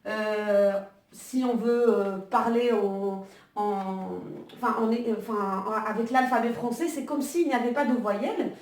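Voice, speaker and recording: A woman's voice: on the high side, steady tone, a little slow, a little mellow. Woman, online language teacher, hesitant with fillers, echoey room, distant mic. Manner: hesitant, many fillers and restarts while writing. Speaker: Arabic teacher.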